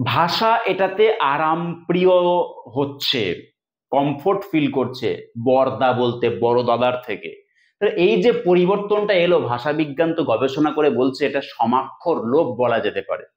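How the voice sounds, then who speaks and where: Guy teaching a prep class, kinda high voice, spells words out syllable by syllable, echoey muffled room. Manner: explains step by step, repeats words syllable by syllable. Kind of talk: exam-prep lecture. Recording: echoey, dull lo-fi room sound.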